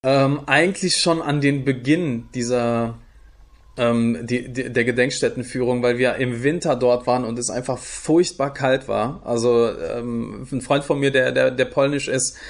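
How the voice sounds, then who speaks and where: A young adult man from Germany, a youth project leader appearing as a guest, answers interview questions thoughtfully, with many fillers and restarts. His voice is mid-range and steady, and he talks a little slowly.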